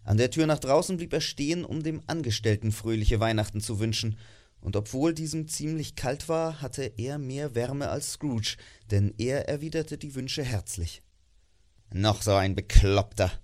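A man narrating a classic story for an audiobook in a measured, expressive manner. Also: medium pitch.

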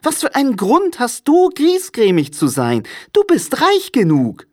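A cheerful, warm-hearted young man with a much higher, lively voice, as a male reader puts him on. He pleads brightly and with eagerness. It is an audiobook reading. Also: measured pace, exaggerated voice. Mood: pleading.

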